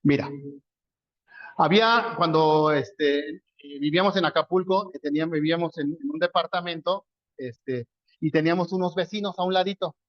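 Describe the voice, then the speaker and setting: A man's voice: fairly high pitch, normal speed, no echo, muffled recording. A man with a Mexican accent preaching a sermon, telling a story in a conversational way and asking and answering his own questions. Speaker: pastor.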